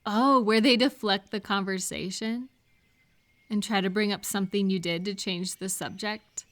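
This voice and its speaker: A woman with a medium-pitched, fairly bright voice speaks at a normal speed in a steady tone. Addressing one listener in a supportive advice roleplay, she sounds conversational, reassuring and explanatory.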